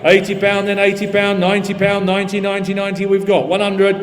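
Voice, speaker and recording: A man working as an auctioneer, calling live bids in a rapid, repetitive patter. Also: sits high, monotone. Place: large reverberant auction room. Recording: echoey hall PA, music behind.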